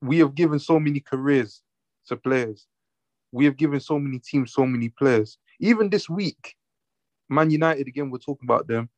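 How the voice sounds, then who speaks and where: Male, mid pitch, London roadman accent, emphatic slangy football chat, dry muffled sound. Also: moderate pace, no room sound.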